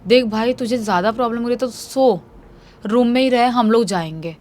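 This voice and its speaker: A woman's voice: on the high side, fairly quick, a little mellow, natural voice. A woman voicing a group of young men teasing their tired friend, in a spoken horror story.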